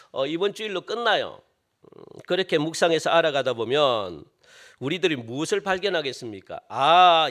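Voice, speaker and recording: A pastor with a fairly high-pitched male voice preaches a sermon in a church sanctuary. He poses questions and answers them himself, repeats phrases, and drops to a hush on key words.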